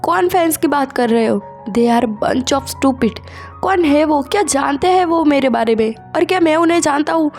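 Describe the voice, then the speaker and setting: A woman voicing a drunk, furious young male star who shouts and demands. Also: high voice, fairly even intonation, normal speed, gravelly, faint music behind. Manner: loud angry demanding outbursts.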